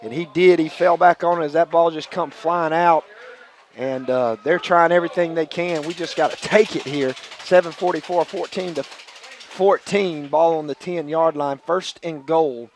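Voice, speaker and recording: Excitable man calling high school football. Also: normal speed, slight background noise. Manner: excitable, nervous, coughing. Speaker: play-by-play radio announcer. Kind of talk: local radio football play-by-play. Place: press box booth.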